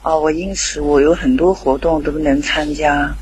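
A woman's voice: low voice, steady tone, moderate pace, a little mellow, a little hiss or hum, close to an everyday voice, rough recording. A woman voicing her sulky teenage son in a story, indignant and whiny. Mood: glum. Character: sulky teenage boy, overweight, defensive.

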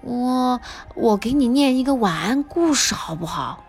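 A woman's voice: a little high, expressive, unhurried, breathy edge, faint music behind. A woman voicing a cross, sleepy boy rabbit in a children's storybook reading, huffing and scolding. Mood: gentle. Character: boy rabbit with long ears, grumpy sleepy friend.

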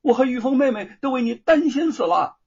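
A husky-voiced man voicing a worried young wife who scolds her husband in a storytelling performance. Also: extremely high pitch, lively intonation, fairly quick, a little mellow, voice pushed up, exaggerated voice. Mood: anxious scolding. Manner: fretful, scolding. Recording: dull lo-fi recording.

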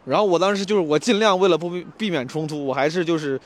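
A young man, a comedian, telling a story to camera in a casual vlog, animated and slangy, stumbling and restarting his sentences. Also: fairly high pitch, fast talker. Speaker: stand-up comedian vlogger.

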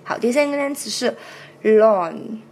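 A woman teaching how to sing a song, explaining sounds in detail and repeating each word slowly several times to demonstrate. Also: medium pitch, creaky. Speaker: singing and pronunciation teacher. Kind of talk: step-by-step song pronunciation lesson.

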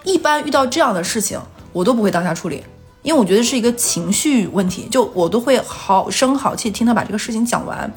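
一位女播客联合主持人，在闲聊中讲故事，说得生动，常常模仿别人说话。. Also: female voice, a little high, faint music behind. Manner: fast, animated storytelling, acting out quotes. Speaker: podcast co-host. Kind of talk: casual chat.

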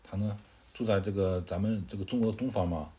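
A man telling a classic tale to a child in a casual, conversational way, adding explanatory asides and filling pauses with "er". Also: on the low side, steady tone, mellow. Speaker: storyteller.

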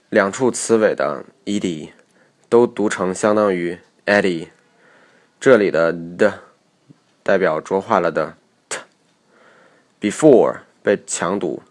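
Male pronunciation teacher with a deep voice and a slow, careful lesson delivery that breaks down each syllable. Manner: methodical, explains each syllable step by step; reads English example sentences aloud.

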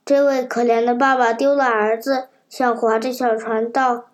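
An old grandmother in a storybook explains what is happening, voiced by a woman reader. She speaks plainly, in a fairly high voice. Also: little pitch movement, moderate pace, lightly acted. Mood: worried. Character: old grandmother onlooker by the sea.

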